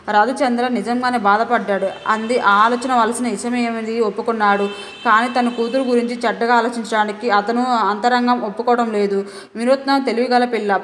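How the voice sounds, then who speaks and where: A woman's voice: fairly high pitch, fairly bright tone, long reverb tail, a little hiss or hum. A woman reading a novel aloud, voicing all the dialogue in her own voice with small restarts. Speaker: novel reader.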